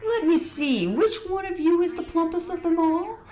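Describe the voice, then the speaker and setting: A woman voicing a cold, mocking male alien invader who speaks slowly and taunts his captives. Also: very high voice, expressive, warm tone, roomy sound, voice pushed up. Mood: menacing. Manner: slow, sneering, taunting.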